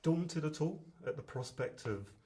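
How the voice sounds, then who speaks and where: A man's voice: on the high side, animated, measured pace, warm tone. A male film journalist asking questions at a festival, often rambling and fumbling as he phrases them. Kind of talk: press interview.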